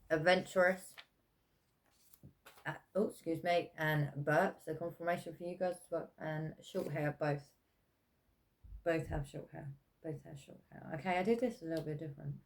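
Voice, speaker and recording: A woman with a low voice gives a casual pick-a-pile tarot reading. She talks slowly and meanders, full of ums and self-corrections. Her delivery is chatty, with soft laughs. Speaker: tarot reader.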